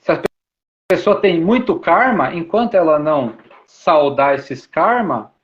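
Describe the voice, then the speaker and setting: A man with a fairly high voice gives an informal spiritual talk, explaining his ideas patiently and circling back to repeat them. He keeps checking in with little tag questions. The recording is dull and lo-fi. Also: expressive, a little slow. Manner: repetitive, explanatory, uses many tag questions. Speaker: spiritual speaker. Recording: dull lo-fi sound.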